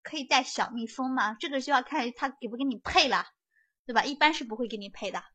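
A woman giving a lively prep lecture, chatty and often checking that students follow along. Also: high-pitched, fast talker, breathy edge. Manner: chatty, keeps asking students to confirm.

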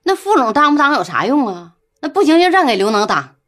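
A quick sharp-tongued village wife. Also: female voice, sits high, very animated. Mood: bickering. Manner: quick, retorting, scolding.

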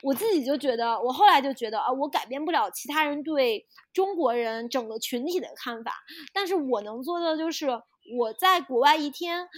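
High-voiced, emphatic Chinese woman. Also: expressive, moderate pace, no echo. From China. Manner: emphatic, impassioned. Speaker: podcast co-host. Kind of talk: casual conversation.

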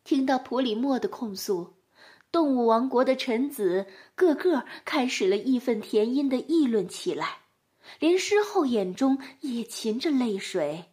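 A woman narrating a storybook with an expressive, animated delivery. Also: a little high, measured pace.

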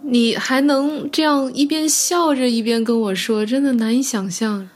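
音调偏高、轻声回应的女主持. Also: female voice, high voice, steady tone, normal speed. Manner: brief attentive back-channel responses. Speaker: podcast host. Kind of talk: casual interview.

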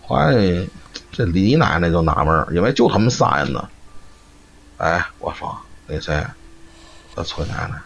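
Deep-voiced guy spinning a ghost story on stream, chatty, muffled audio. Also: big pitch swings, normal speed, gravelly, pauses often, a bit bright, slightly rough. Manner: chatty, keeps asking "you know?". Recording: dull lo-fi stream audio, faint noise.

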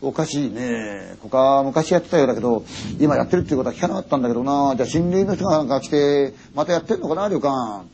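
Guy doing a confused taxi driver muttering, soft dark tone. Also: mid-range voice, lively intonation, fast, lo-fi sound, slight background noise, lightly acted. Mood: puzzled. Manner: muttering, doubtful. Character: puzzled middle-aged male taxi driver.

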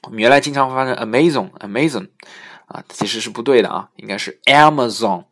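Guy teaching english words on his show, laid back, lots of uh, slows way down on the english bits. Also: mid-range voice. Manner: relaxed, many fillers, slows down to say English words. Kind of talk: casual spoken lesson.

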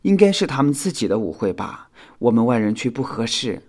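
Guy voicing a kind young bug hero, scolds his pal gently, lively tone. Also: mid-range voice, fairly quick, husky. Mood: caring. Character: young male insect hero, caring and sensible.

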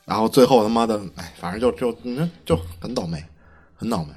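A man talks at a rapid clip with a husky, slightly breathy voice, his pitch swinging widely as he tells stories. He swears freely and restarts his sentences in a heated, casual podcast chat. Faint music plays underneath. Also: lively intonation, a little mellow. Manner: profane, heated storytelling; stammering restarts. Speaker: podcast co-host.

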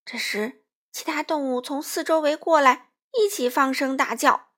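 A woman reading a children's storybook aloud, gently and expressively, addressing young listeners. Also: high-pitched, normal speed.

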